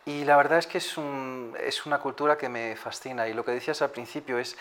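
Man from Galicia, interview guest, measured, agreeable, middle pitch, restarts his phrases. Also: fairly even intonation, a bit bright. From Galicia, Spain. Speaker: hotel executive and tourism entrepreneur. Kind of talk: conversational interview.

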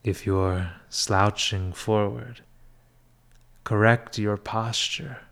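Very slow, soft half-whispering male meditation guide. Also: lowish voice, steady tone. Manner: soothing, measured, with long pauses between short phrases.

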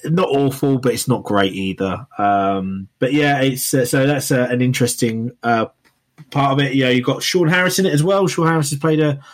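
A man with a mid-range voice and a moderate pace co-hosts a podcast where he reviews films. His casual chat rambles, packed with fillers and restarts.

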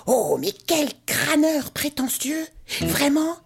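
Cupid, a man doing a squeaky cheeky boy god. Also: animated, takes it slowly, creaky, faint music behind, exaggerated voice. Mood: taunting. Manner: sneering, squeaky, taunting.

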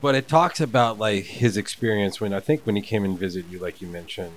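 A man's voice: on the low side, fairly quick, rough recording. A man co-hosting a casual conversation, joking around and reading aloud from a book. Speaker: co-host.

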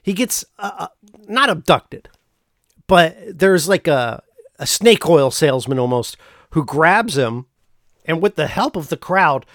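A man giving a casual, rambling recap as a show host, often pausing mid-phrase as he goes. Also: fairly high pitch, lively intonation, a bit bright, dry recording, studio quality. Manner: halting, rambling delivery with pauses mid-phrase. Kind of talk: casual film plot recap.

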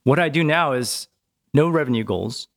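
A business owner appears as a guest on a podcast, speaking in a mid-range voice. The interview is casual and conversational, and he keeps things relaxed and chatty, often ending his points with a quick "right?"

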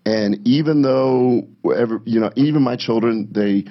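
A man's voice: medium pitch, normal speed. A man co-hosting a casual podcast chat, telling stories and acting out quotes with energy. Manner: animated storyteller, acts out quotes. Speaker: podcast co-host. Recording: dull lo-fi sound.

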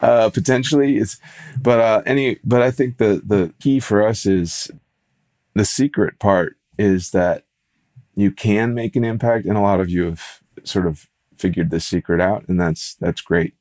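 A man co-hosting a casual business chat, joking and halting with restarts. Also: lowish voice, steady tone, a little mellow, no room sound. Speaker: co-host.

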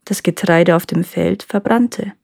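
A woman storyteller reading a folk tale aloud in a calm, measured way. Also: on the low side, gravelly, dry recording, studio quality.

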